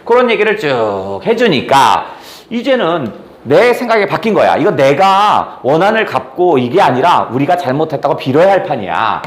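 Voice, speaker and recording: Guy teaching a lit lecture, acts out the quotes, voice all over the place, echoey room. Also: moderate pace. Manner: animated, acts out quoted lines with raised pitch, asks rhetorical questions. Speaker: Korean literature lecturer. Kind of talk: exam-prep literature lecture.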